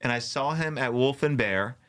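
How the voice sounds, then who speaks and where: A man's voice: mid-range voice, normal speed, fairly bright tone, smooth. A man co-hosting a podcast in casual chat, asking pointed, probing questions. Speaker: podcast co-host.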